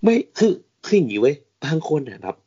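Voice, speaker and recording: A young man co-hosting a podcast, talking in animated, rambling casual banter full of crude slang. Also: on the high side, a little fast, husky. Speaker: podcast co-host. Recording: dull lo-fi podcast audio.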